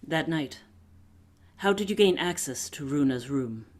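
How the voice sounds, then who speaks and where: A woman playing a shrewd, poised lady detective in a radio play, brisk, wry and self-assured. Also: low-pitched, expressive. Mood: cool, stern.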